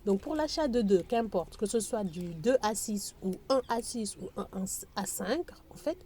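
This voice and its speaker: A woman's voice: mid-range voice, expressive, unhurried, noisy background. A woman chatting casually to her viewers about budgeting, often hesitating and breaking into playful sing-song teasing. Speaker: budgeting vlogger. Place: on her balcony, outdoors.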